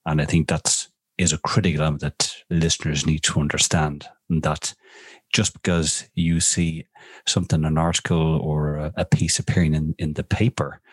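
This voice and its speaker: A man co-hosting a conversational interview, speaking haltingly and building long sentences piece by piece. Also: rumbling low, little pitch movement, husky, no room sound. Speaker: podcast host, social media professional.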